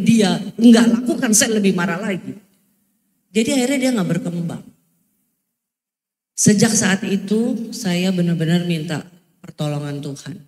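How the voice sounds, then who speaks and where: A middle-aged woman preaching a personal testimony in a church hall, speaking in an earnest, confessional, animated way. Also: lowish voice. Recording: echoey long hall reverb.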